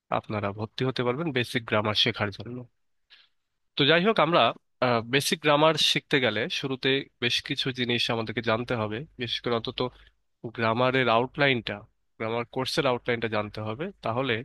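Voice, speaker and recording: A man's voice: medium pitch, bright, forceful tone, no echo. A man giving a recorded grammar lecture, explaining in a conversational way with everyday examples. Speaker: English grammar teacher.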